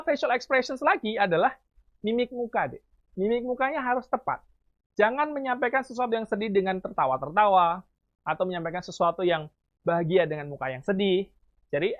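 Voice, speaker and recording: A man, coaching high school students in public speaking in a lively, coaxing way. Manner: talks very fast, admits it himself; lively, coaxing, calls listeners "Dek". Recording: tinny phone-like sound.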